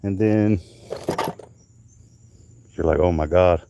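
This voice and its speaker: A middle-aged North Carolina man hosts a casual livestream outdoors on a hot summer night, rambling and cursing as he shows off things he found. He speaks slowly in a low, warm, clean voice, though the recording is muffled.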